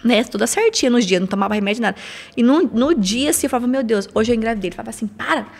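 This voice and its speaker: A woman's voice: fairly high pitch, rapid-fire, long reverb tail. A Brazilian woman in her forties, a podcast guest, telling a personal story in casual chat and laughing as she goes. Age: 40s. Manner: animated, laughing as she tells it.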